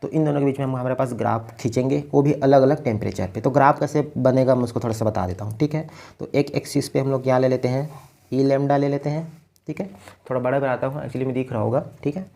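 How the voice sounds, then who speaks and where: Gravelly-voiced man teaching physics slowly. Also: mid-range voice, dark tone. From India. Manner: patient, explains slowly step by step; keeps checking in with "ठीक है". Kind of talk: blackboard lecture.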